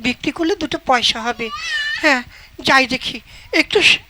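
A woman voicing a frightened village wife in a folk puppet show, excited and repetitive. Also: high voice, normal speed, very noisy, lightly acted. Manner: excited, repeats herself. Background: loud folk music.

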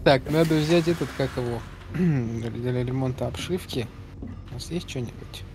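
A man's voice: medium pitch, moderate pace, background noise. A man playing a video game, chatting casually with his co-op partner and muttering to himself. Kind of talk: casual co-op gameplay chat. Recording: game music behind the voice. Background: spaceship game music and sounds.

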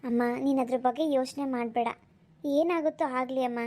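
A gentle young newly married daughter in a cartoon, played by a woman. Her high voice stays soft and reassuring. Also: brisk.

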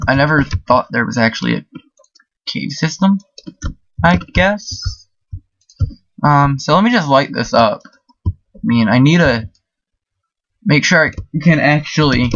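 A man talks his way through a let's-play in an easy, rambling manner, leaning on fillers as he goes. The recording is dry and close with no room sound, and a little muffled. His pitch sits in an ordinary middle range. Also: a bit bright, dry recording. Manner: chatty, rambling, full of fillers. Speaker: gaming video host. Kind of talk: casual let's-play commentary.

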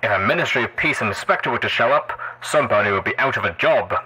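A man's voice: mid-range voice, animated, fast talker, pushed and bright, slight background noise, pitched above the performer's own voice. A man voicing a cheerful, oblivious robotic hospital attendant with a tinny, chipper sound and fussy, polite bedside chatter. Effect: tinny speaker sound.

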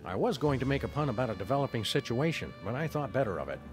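Guy playing deadpan cartoon dog cop, wordy and easygoing, comedy game with music behind. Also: medium pitch, fast talker, lightly acted. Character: easygoing, wry male cartoon dog detective. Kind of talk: animated comedy adventure game dialogue.

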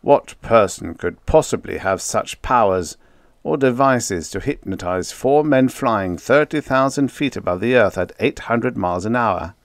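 A man voicing a slow, doubtful male officer who probes carefully. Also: on the low side, expressive, dry recording. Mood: probing. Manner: measured, probing.

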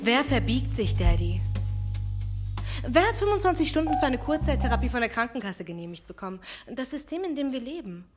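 High-voiced woman performing spoken word. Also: lively intonation, fast talker, few pauses. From Iran. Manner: rhythmic, repeated rhetorical questions. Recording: loud music behind the voice.

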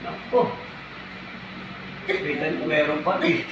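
Male folk healer, high pitch, commanding and repetitive; echoey, off-mic, noisy. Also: level tone, takes it slowly. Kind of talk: ritual healing commands. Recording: echoey, distant, noisy ambience.

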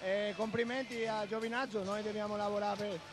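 Very high, even-pitched male athlete interview. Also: a little fast, music in the background. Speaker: athlete interviewed after a match. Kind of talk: post-match interview. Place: large indoor sports hall. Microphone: handheld interview microphone.

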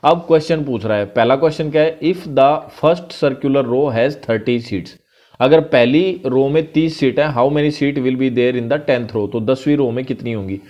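A male math teacher with an Indian accent works through a problem step by step over a screen recording, his voice medium-pitched and darkish in tone. He reads the English question lines slowly as he explains.

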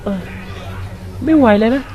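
A man's voice: measured pace, muffled recording, soft background music. A man commenting live as he plays a video game, exclaiming and swearing at what happens on screen. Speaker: gamer. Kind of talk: let's play commentary.

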